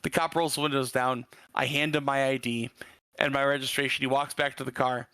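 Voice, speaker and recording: A man's voice: mid-range voice, flat delivery, a little fast, sharp tone, clean tone, no room sound. A man from Michigan, a podcast guest, telling a story in a rambling way with lots of fillers and casual swearing. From Michigan, USA.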